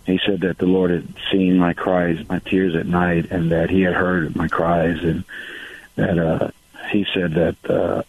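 A man's voice: sits low, little pitch movement, measured pace, slightly rough. A man calling in to a radio show over the phone, talking in a hesitant, rambling way with lots of fillers. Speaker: caller. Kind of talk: call-in radio conversation. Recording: tinny phone line on radio.

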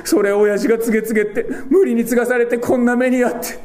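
A man's voice: very high-pitched, fairly even intonation, quick pace, darkish tone. A man playing a flustered male shopkeeper who whines and frets, in a rakugo story. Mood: fretful. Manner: whiny, self-pitying.

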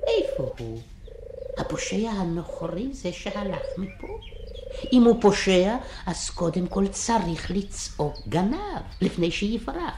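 A woman's voice: medium pitch, sing-song, noisy background. A woman voicing a sly, mocking male trickster in a radio drama, teasing and giggling. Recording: roomy echo.

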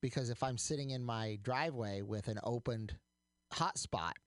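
A man's voice: mid-range voice, normal speed, no room sound, studio quality. A man co-hosting a tech talk radio show, chatting casually with many fillers and restarts. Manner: chatty, hesitant with fillers and repeats.

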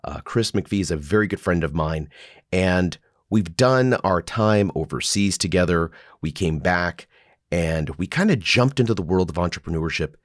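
A man hosting a podcast, congested from the flu, talking in a relaxed, friendly way. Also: low-pitched, normal speed, no echo, clean studio sound. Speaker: podcast host. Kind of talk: podcast intro and interview.

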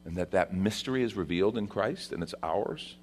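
Preaching briskly at the pulpit microphone, this senior pastor keeps his sermon conversational, lifting his voice to stress points and lowering it for the quieter moments.

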